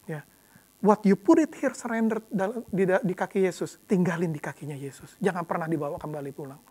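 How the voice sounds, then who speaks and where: A woman deacon preaching a sermon in a conversational way, often adding "ya" and repeating words for emphasis, moving between soft low passages and loud emphatic ones. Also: a little fast.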